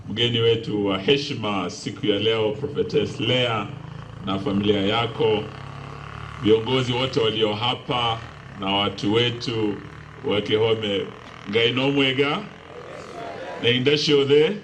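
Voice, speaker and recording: A man's voice: lowish voice, fairly even intonation, measured pace, fairly bright tone, low-quality recording. Kenyan man making a formal greeting speech. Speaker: politician. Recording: live speech with faint ambient noise.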